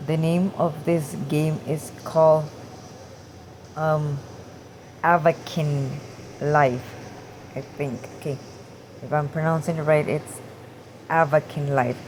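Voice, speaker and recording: A woman with a low voice talks slowly to her viewers. She hesitates often and restarts her sentences. A steady hum of air conditioning sits clearly behind her. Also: poor audio. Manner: hesitant, halting, many fillers and restarts. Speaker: gaming vlogger. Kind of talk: casual talk to camera.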